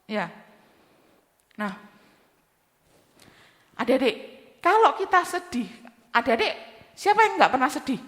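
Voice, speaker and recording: Sunday school teacher lady telling kids a story, high singsong voice, long echo. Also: a little slow, long pauses. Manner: animated, sing-song, addresses children. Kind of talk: storytelling to children.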